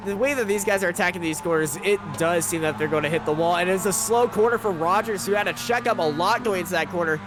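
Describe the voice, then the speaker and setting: A man calling a car race as an excited motorsport commentator, with urgent play-by-play that builds to shouted climaxes. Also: high-pitched, fast, hardly any pauses, music in the background, rough recording.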